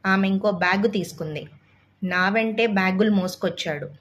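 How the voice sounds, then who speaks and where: A woman narrating a Telugu short story as an audiobook, with steady, measured reading. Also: mid-range voice, dull audio.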